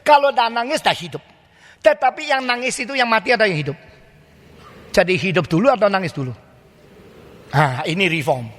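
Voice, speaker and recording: A man's voice: high voice, animated, brisk, pauses often, fairly bright tone. An older man preaching a sermon as a pastor, emphatic and full of rhetorical questions. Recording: long reverb of a large hall.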